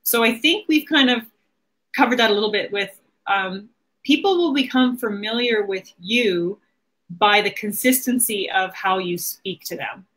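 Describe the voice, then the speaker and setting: A woman in her thirties hosts a marketing livestream from a small home office, chatting casually and informally in a conversational interview. Her mid-range voice is unhurried and a bit bright.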